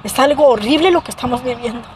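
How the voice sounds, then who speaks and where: A woman with a Mexican accent talks straight to her viewers in a slightly high voice. She is emphatic and rambles, restarting sentences and piling up fillers. Faint street noise hums behind her. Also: fast. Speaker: vlogger. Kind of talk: casual chat to viewers.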